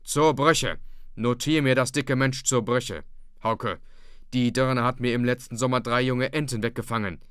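A man voicing a gruff, blustery old dike reeve in an audiobook reading, booming and loud. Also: little pitch movement, moderate pace, no room sound, clean studio sound, natural voice. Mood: angry. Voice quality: booming bear-like voice. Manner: loud, raised and jovial.

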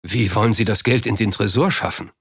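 A man's voice: on the low side, a little fast, creaky, a bit bright, slightly rough, dry recording, studio quality, full character voice. A man doing a panicky aging tycoon. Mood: probing. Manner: raised, agitated and clipped.

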